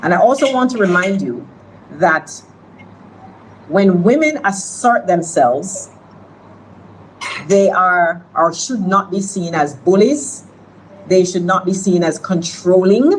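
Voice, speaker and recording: A woman delivers a parliamentary speech in a slow, deliberate, lecturing tone. Her voice sits low for a woman, and faint background noise runs under it. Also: poor audio.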